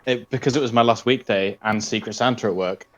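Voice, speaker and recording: A man's voice: lowish voice, fairly even intonation, a little fast, muffled recording. A man, out of breath, rambling and joking apologetically in casual chat over an online voice call. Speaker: tabletop game player.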